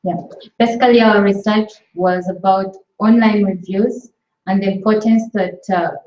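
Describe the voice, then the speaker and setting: A woman's voice: mid-range voice, fairly even intonation, normal speed, a little mellow. A young woman from Uganda, a master's student, earnestly explaining her group's research and sometimes searching for words. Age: young adult. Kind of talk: conference video hangout talk. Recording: distant mic in echoey room, lo-fi.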